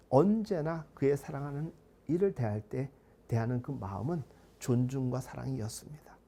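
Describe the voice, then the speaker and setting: Gravelly, husky-voiced male pastor preaching. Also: on the high side, dark tone. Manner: measured, earnest preaching with rhetorical questions. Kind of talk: sermon.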